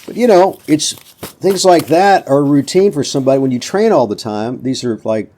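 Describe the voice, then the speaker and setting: A man's voice: mid-range voice, expressive, normal speed, mellow, a little hiss or hum. A man in his seventies hosting a casual motivational talk, telling folksy stories and acting out what people said. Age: 70s. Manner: folksy storyteller, acts out quotes. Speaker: podcast host.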